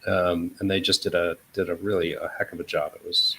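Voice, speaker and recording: A man with a low, level, sharp-toned voice speaks fairly quickly on a rough recording. In casual interview talk with an American accent, he explains his editorial work, constantly hedging with "sort of" and "you know."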